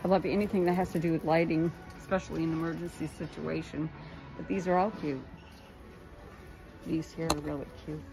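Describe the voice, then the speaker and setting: A woman's voice: low-pitched, steady tone, fairly quick, gravelly, music in the background. A woman chatting casually as she walks through a large store, filming on her phone and pointing out prices. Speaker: vlogger. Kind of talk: casual shopping vlog narration. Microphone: phone camera held while walking. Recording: noisy store background.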